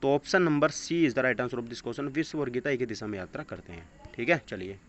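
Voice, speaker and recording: Speaking a little fast at a medium pitch, a male exam coaching teacher reads out questions and answers for his test-prep students, mixing English phrases into his instruction. The recording is dull lo-fi audio with clear background noise.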